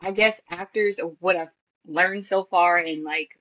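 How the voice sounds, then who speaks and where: A woman's voice: fairly low pitch, fairly even intonation, unhurried, a bit bright, dull audio. A young woman co-hosting a casual movie podcast, supportive and a little rambling. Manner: supportive, rambling with fillers and restarts. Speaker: podcast co-host. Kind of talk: casual movie-rewatch chat.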